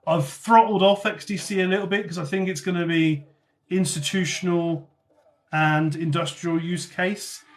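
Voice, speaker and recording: Chatty man, higher voice. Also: steady tone, normal speed. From North Somerset, England. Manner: chatty, reads and answers viewer comments, swears casually. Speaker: livestream host. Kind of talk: casual livestream chat.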